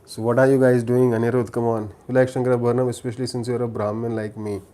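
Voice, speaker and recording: A man's voice: medium pitch, level tone, fast talker, warm tone. A man from India with a Telugu Indian accent, chatting casually as a livestream host, often repeating words and restarting sentences. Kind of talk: casual chat, recommending films.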